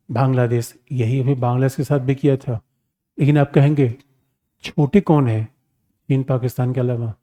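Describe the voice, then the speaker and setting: A man's voice: mid-range voice, warm tone. A man teaching an exam-prep lecture on international relations, speaking casually and animatedly, calling his students "my children" and asking them rhetorical questions.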